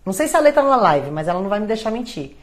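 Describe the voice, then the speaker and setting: Speaking rapid-fire in a mid-range voice, a woman with a Brazilian Portuguese accent hosts a casual live Q&A. She answers viewers' questions bluntly and animatedly, acting out phone calls as she goes.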